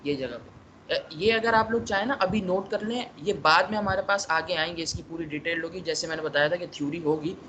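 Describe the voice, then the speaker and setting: A man's voice: fairly high pitch, pushed and bright, muffled recording, slight background noise. A man teaching a class, explaining patiently and saying letter sounds aloud to show how they are made. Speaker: tajweed teacher.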